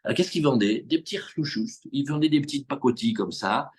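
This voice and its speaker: A man's voice: mid-range voice, fairly quick, breathy edge. A man teaching a live Talmud class to students, acting out the characters' lines as he explains. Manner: animated, acts out the characters' lines.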